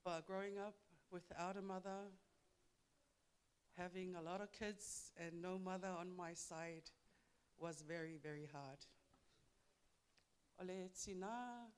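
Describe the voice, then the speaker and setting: Smooth-voiced Samoan woman giving testimony. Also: fairly low pitch. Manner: heartfelt, halting, switching between languages. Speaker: church member giving a testimony. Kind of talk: Mother's Day church testimony.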